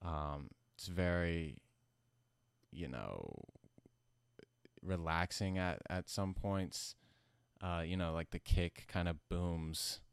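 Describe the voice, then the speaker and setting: A man who sounds high, talking casually about his music in a rambling, slangy, profane stoner manner. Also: slow pace, vocal fry, smooth, dry recording. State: high from smoking. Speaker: musician being interviewed about own album. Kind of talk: casual chat.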